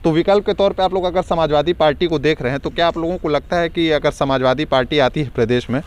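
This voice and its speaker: A man's voice: on the high side, quick pace. A man reporting on the street, asking probing questions of the people he interviews.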